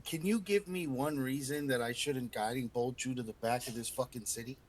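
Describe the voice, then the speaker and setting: A man's voice: mid-range voice, a little fast, slight background noise. A man playing a tabletop game in character, brash, crude and confrontational. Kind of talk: in-character role-play.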